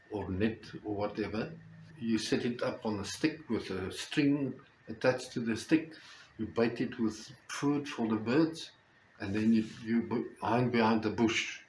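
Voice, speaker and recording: Slow-talking older South African man, fairly low voice. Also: darkish tone. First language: Afrikaans. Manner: halting, deliberate phrasing. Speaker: storyteller, host. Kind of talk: reflective personal storytelling. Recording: roomy echo with faint background noise.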